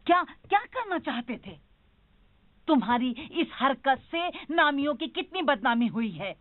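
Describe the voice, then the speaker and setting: A woman's voice: sits high, very animated, unhurried, dry recording. A woman playing an indignant mother who scolds her grown son, in a dubbed TV drama. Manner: scolding, insistent. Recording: tinny phone-like sound.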